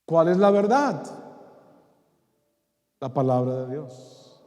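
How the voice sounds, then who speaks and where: A man's voice: a little high, very animated, slow pace, darkish tone, dull audio. A male pastor preaching a sermon, often putting questions to the congregation and repeating key words. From Colombia. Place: church hall. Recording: long church hall reverb.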